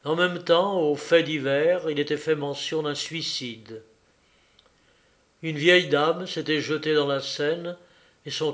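A man narrating a novel aloud in an audiobook style, with slow, measured reading. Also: a little high.

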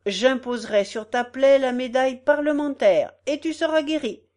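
A woman voicing a smug, greedy male election candidate who shouts grand promises in a storybook reading. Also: sits high, normal speed, pitched above the performer's own voice, lightly acted. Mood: grandiose.

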